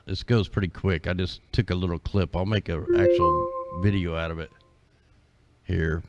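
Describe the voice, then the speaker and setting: A man's voice: low-pitched, fairly even intonation, moderate pace, loud music behind the voice. A man hosting a live call-in stream, chatting casually and in a laid-back, rambling way. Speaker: call-in livestream host. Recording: dull lo-fi stream audio.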